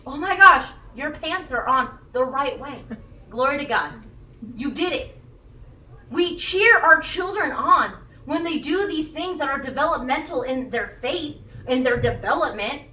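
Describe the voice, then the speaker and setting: Woman preacher in her 30s, high and bright, animated conversational sermon, echoey room, mic at a distance. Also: measured pace. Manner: animated, conversational, bursts of shouting.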